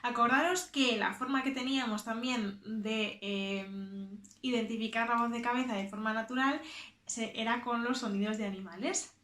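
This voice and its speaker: A woman from teaching a choir vocal lesson, explaining technique slowly and demonstrating sung exercises and animal sounds. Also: on the high side, bright, forceful tone, reverberant.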